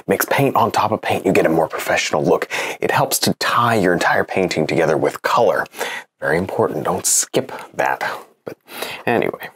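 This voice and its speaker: A man's voice: low voice, breathy edge. A young man giving a casual painting lesson in a home studio, chatty and self-encouraging, laughing often as he works. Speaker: painting instructor.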